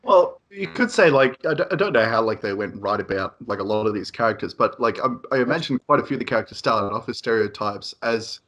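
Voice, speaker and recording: A man's voice: fairly low pitch, expressive, quick pace, few pauses, fairly bright tone, poor audio. A man co-hosting a casual podcast, rambling and hesitant, with many fillers. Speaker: podcast co-host. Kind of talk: casual panel chat.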